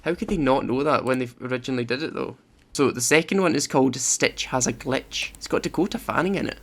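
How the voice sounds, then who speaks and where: A man co-hosting a podcast, chatting casually with quick jokey asides. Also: mid-range voice, a bit bright. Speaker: podcast co-host. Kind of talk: casual chat.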